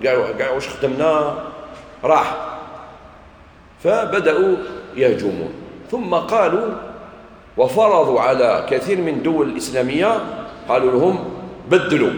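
A man preaching in an Algerian Arabic accent, his fairly high voice swinging widely as he acts out both sides of a dialogue. The sermon sounds like it was recorded in a large echoing hall with a long reverb tail. A faint background hiss sits under his voice. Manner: animated storytelling, acts out dialogues. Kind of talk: sermon lecture.

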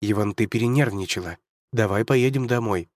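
A man voicing a young man who speaks in a soft, placating way. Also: fairly low pitch, normal speed, no echo, clean studio sound, lightly acted.

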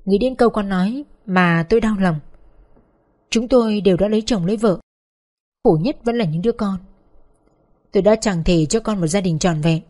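A woman reading a first-person family story aloud in a calm, even storytelling voice. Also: medium pitch, normal speed, long pauses.

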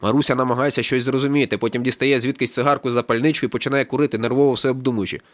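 A male narrator reads a literary audiobook at a quick clip. His mid-range voice stays low-key and steady, recorded dry and close with no room around it. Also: no room sound.

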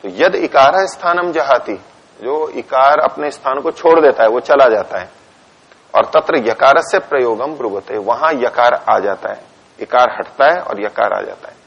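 Gravelly, husky male teacher, lo-fi. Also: medium pitch, normal speed, a bit bright. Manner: reads Sanskrit lines aloud and explains each one in Hindi; dictates punctuation to the students. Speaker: teacher of philosophy texts. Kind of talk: classroom text lecture. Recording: dull lo-fi lecture recording.

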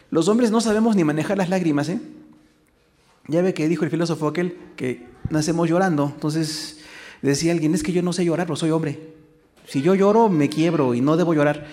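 A pastor with a Mexican Spanish accent delivers a sermon in a conversational way. He tosses out rhetorical questions and slips into short acted-out quotes. His voice sits a little high for a man. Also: darkish tone.

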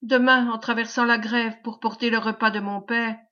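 A woman reading an audiobook, voicing a frightened but brave young woman who pleads in anxious, hushed tones. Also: fairly high pitch, little pitch movement, moderate pace. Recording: dull lo-fi recording.

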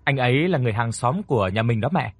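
A timid, injured young woman , read by a male narrator in near his own voice. She answers gently and politely. The tone is husky and mid-pitched. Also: animated, fast talker, no echo. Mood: reassuring. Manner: soft, shy, polite.

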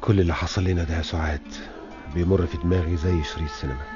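An actor playing an anxious middle-aged father in a classic radio drama, speaking Egyptian Arabic, emotional and rising in pitch when upset. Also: steady tone, rapid-fire, close to an everyday voice. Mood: reflective, resigned. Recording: lo-fi old radio with faint music.

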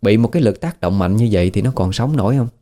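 Quick-paced and lively in intonation, this low, mellow male voice belongs to a Southern Vietnamese-accented storyteller. He recounts a horror tale in a relaxed, conversational way and often poses questions to the listener.

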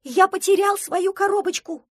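A tiny young duckling from a storybook, easily upset and quick to wail, its voice shrill and lively, as a woman acts it out. The sound is dry and close. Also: creaky, no echo. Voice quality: shrill, crying out.

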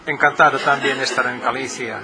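A man's voice: mid-range voice, fairly even intonation, a little fast. Finnish man asking questions, crowd behind. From Finland. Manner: careful, slightly broken phrasing. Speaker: podcast host, interviewer. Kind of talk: casual interview.

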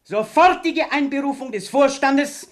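An actor playing a defiant young radical who interrupts a meeting with fiery demands. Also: male voice, very high voice, unhurried. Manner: fiery, agitating. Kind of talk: period film acting.

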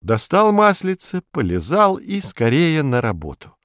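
A man reading a folk tale aloud in an expressive storytelling voice. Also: on the high side, a little slow, no room sound, clean studio sound.

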